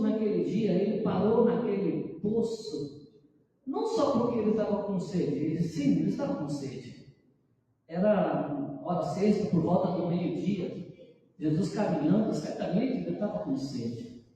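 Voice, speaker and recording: High dark-toned preaching man, echoey hall. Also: animated. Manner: preaching earnestly, retelling scripture with dramatic pauses. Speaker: pastor. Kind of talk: sermon. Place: church sanctuary. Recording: echoey church hall, mic far off.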